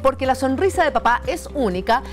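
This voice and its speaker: A Chilean woman presents like an infomercial host, selling straight to the viewer. Her voice is fairly high and swings with lively intonation. She sounds polished and persuasive over a clear music bed. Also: a little fast. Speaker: TV host of a panel show, reads sponsor spots. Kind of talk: infomercial-style upbeat sales pitch.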